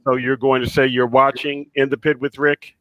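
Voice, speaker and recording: A man's voice: mid-range voice, level tone, normal speed, no echo, highs cut off. Wry man directing a casual recording. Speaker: show producer. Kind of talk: casual banter on a video call.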